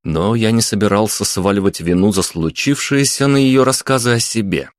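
A man giving a steady, even first-person audiobook narration. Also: fairly low pitch, moderate pace, dry recording, clean studio sound.

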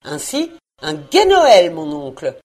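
A woman voicing a cheerful, earnest young man who pleads warmly and eagerly. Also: mid-range voice, sing-song, measured pace. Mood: pleading.

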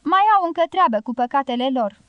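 A woman voicing a hoarse male rebel leader shouting commands in an audiobook. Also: high voice, animated, no room sound, dull audio. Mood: commanding.

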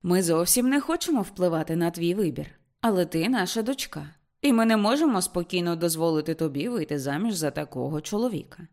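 A proper middle-aged mother answers her daughter firmly and coolly, reasoning her down, as a woman reads her in an audiobook. Her tone stays measured and disapproving. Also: on the low side, expressive, darkish tone.

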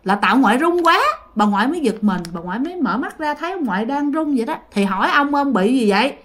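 Animated woman telling a ghost story. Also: high-pitched, quick pace. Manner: animated, addressing listeners directly. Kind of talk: casual spoken ghost story.

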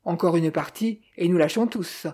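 A reader voicing an angry, gruff male millionaire who speaks curtly. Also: mid-range voice, moderate pace, mellow, natural voice. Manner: curt, barking.

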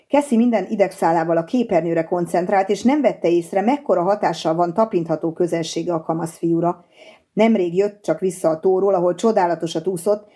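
A woman reading an audiobook novel in an even, measured narration. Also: lowish voice. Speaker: audiobook reader.

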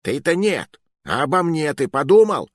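A man's voice: on the high side, big pitch swings, moderate pace, no echo, studio quality, pitched above the performer's own voice. A man voicing a short, fat, hot-tempered rogue who snaps and grumbles, in an audiobook. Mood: irritable. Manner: snappish, grumbling. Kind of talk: audiobook narration.

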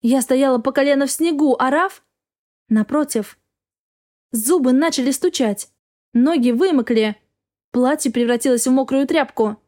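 A woman's voice: high-pitched, moderate pace, pauses often, darkish tone. A woman narrating a first-person story as an audiobook reader, with an intense, dramatic delivery.

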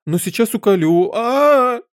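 A man's voice: a little high, animated, moderate pace, mellow, dry recording, studio quality, close to an everyday voice. A man voicing a fussy, flustered elderly queen in an audiobook, given to wailing and crying out. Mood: shrieking. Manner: wails and cries out, fretful.

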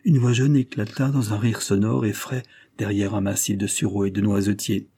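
Un homme lit un roman en livre audio, d'un ton posé et expressif. Sa voix est plutôt grave, sombre et un peu voilée. L'enregistrement est très sec, sans écho. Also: male voice, fairly low pitch, little pitch movement, moderate pace, warm tone, slightly rough, no room sound. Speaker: audiobook narrator. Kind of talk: literary audiobook reading.

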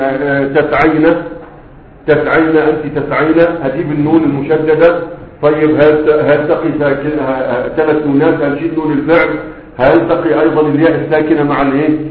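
A man with an Egyptian Arabic accent teaching a grammar class, asking rhetorical questions and slowly drilling example words. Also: a little high. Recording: tinny phone-like audio in an echoey room.

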